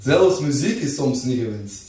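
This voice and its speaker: A man with a Flemish accent in a casual group chat, talking informally and haltingly with some English swearing. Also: medium pitch, very animated, a crowd in the background. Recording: very echoey room, far from mic.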